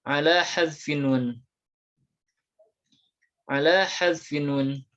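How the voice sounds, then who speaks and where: A teacher giving an Arabic grammar lesson, slowly drilling word forms one by one with many repetitions. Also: mid-range voice, a bit bright, muffled recording. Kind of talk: classroom lesson.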